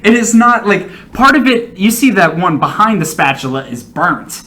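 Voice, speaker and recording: A man's voice: high voice, very animated, moderate pace, bright, forceful tone. A man giving casual, rambling, profanity-laced reaction commentary with strong opinions and an easy tendency to laugh. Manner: often breaks into laughter. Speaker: reaction video host.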